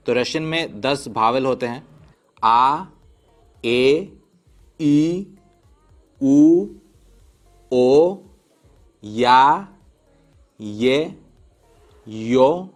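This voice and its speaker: A man teaches an online language lesson, walking through each point step by step. He sounds out letters one at a time, and his voice sits at an ordinary middle pitch. Soft background music plays faintly underneath.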